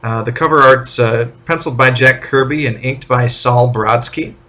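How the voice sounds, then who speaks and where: Animated man chatting about comics. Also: medium pitch. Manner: animated, acts out characters' lines in quick asides. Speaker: podcast co-host. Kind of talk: casual comic book discussion.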